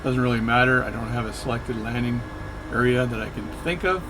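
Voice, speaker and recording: A man with a medium-pitched voice talks fairly quickly while playing a flight sim, narrating in a chatty, rambling style. As a flight sim video creator, he frequently revises himself mid-sentence. Background noise can be heard.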